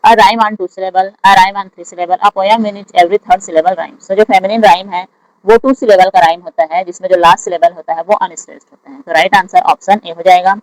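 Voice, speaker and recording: An exam prep teacher who reads each English question aloud slowly and then explains the answer in Hindi. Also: medium pitch, fairly even intonation, no echo, low-quality recording. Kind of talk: lecture solving exam questions.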